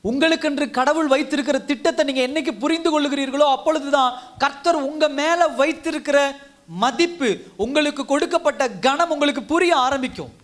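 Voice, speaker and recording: High-voiced man preaching with repetition. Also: fairly even intonation, a little fast, fairly bright tone. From India. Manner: exhorting, repetitive preaching cadence. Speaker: pastor. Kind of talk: Tamil sermon.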